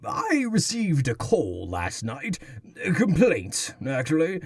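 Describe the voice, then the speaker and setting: An older, pompous mayor-king in a comic dub, genial and fussy. His husky voice sits fairly high and swoops wildly, blustering theatrically in a dry, close recording. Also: huge pitch swings, slow pace, no room sound, exaggerated voice. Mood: troubled, blustery.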